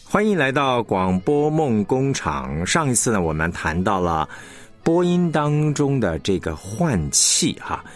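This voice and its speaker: A man teaching announcing techniques in a recorded radio lesson, explaining in a measured, deliberate way and demonstrating how to phrase lines. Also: mid-range voice, very animated, faint music behind. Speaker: broadcasting instructor.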